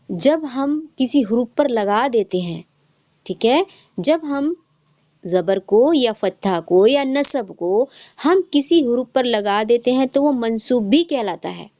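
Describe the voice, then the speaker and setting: Slow, patient woman teaching recitation. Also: fairly high pitch, darkish tone, no echo. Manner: patient, repeats rules and asks the class questions. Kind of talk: online tajweed lesson. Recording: dull lo-fi sound.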